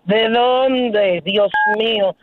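A woman's voice: fairly high pitch, drawn-out words, background noise. A woman on a telephone call, complaining in an indignant, insistent and exasperated way. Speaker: prank call victim. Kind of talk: exasperated phone conversation. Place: at home on the phone. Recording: dull lo-fi telephone line.

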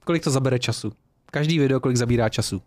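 A man co-hosting a casual group podcast, teasing his friends with crude banter. His voice has a middling pitch. The recording is dry and close, with no room sound. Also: darkish tone, dry recording. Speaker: podcast co-host.

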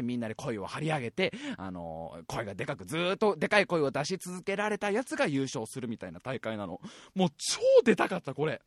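A man in his twenties hosting a podcast, telling stories in an animated way and laughing often. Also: medium pitch, dry recording, clean studio sound. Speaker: podcast host. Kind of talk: casual storytelling chat.

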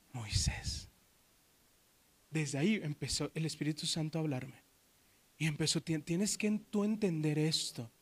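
High-voiced animated male preacher. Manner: animated preaching, swinging from loud high-pitched outbursts to low hushed emphasis. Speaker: pastor. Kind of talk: sermon. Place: church service before a congregation.

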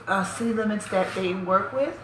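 A woman's voice: medium pitch, roomy sound, background noise. Casual speaker, female, talks through the details step by step. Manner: explanatory, brisk. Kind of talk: casual chat.

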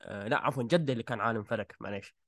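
A man's voice: fairly low pitch, rapid-fire, dry recording. A man with a Gulf Arabic accent hosting a casual film discussion, often searching for words with repeated filler phrases.

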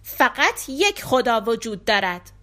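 A woman's voice: a little high, sing-song, pushed and bright. A woman voicing an angry male imam in an audiobook, blunt and accusing.

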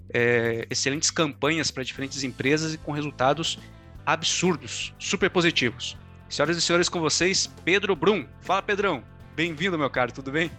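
A Brazilian man hosts a podcast interview in a bright, forceful voice pitched a little high. His delivery is enthusiastic and emphatic, with music playing faintly behind him. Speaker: podcast host.

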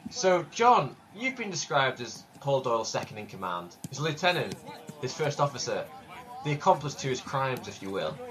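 A man's voice: mid-range voice, big pitch swings, moderate pace, fairly bright tone, low-quality recording. A man interviewing at a football club, talking in a hesitant, stammering way.

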